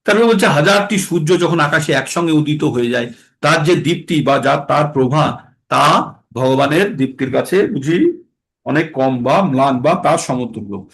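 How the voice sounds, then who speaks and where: A man teaching a scripture class who explains verses, asks questions and answers them himself, and chants Sanskrit verses in a slow sung tone. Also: on the high side, lively intonation, fairly bright tone.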